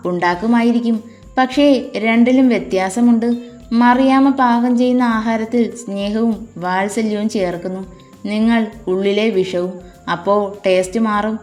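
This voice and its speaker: A bold, cheeky young woman speaks with quick, teasing retorts, as a woman narrator puts her on, her voice pushed up higher than the narration. Faint music runs under this storybook reading. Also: fairly even intonation, darkish tone, lightly acted. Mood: sharp.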